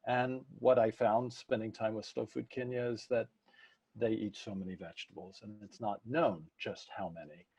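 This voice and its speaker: A man with a low, mellow voice co-hosts an online cooking session. He talks with enthusiasm and stops to reflect. The sound is dry, with no room echo. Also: steady tone, moderate pace, breathy edge. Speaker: webinar co-host. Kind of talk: casual online talk.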